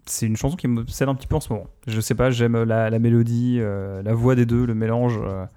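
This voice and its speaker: A man co-hosting a podcast, recommending music in halting, enthusiastic casual chat. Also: mid-range voice, steady tone, warm tone, smooth. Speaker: podcast co-host.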